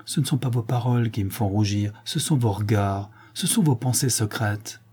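Male reader doing an earnest young woman in love, soft and grave, husky low voice, mellow tone. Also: normal speed. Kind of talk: audiobook reading.

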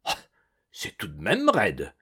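A man's voice: lowish voice, wildly swooping pitch, takes it slowly, fairly bright tone, breathy edge, pitched below the performer's own voice, heavily acted. A man voicing an exasperated young male hunter with a sarcastic edge.

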